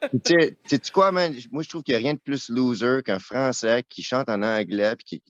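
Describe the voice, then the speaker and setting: A man's voice: medium pitch, normal speed, no room sound, dull audio. A man with a Québécois accent, a band guest in casual chat, emphatic and repeating words as he goes. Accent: Québécois French.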